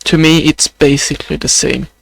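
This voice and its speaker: This video journal creator is a young Swedish-accented man whose somewhat high, gravelly, slightly bright voice stays fairly even, recorded dry. Speaking unscripted for his video diary, he's slow, halting and hesitant, packed with fillers, and listeners say he sounds near tears.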